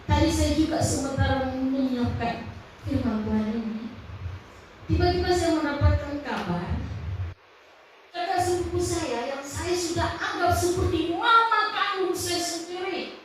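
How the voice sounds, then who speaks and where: Woman pastor, Manado accent, high voice, emotional testimony sermon, heard from afar in a very echoey hall. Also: measured pace, recorded from a distance, background noise. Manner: emotional, testimony-driven preaching with sudden high emphatic rises.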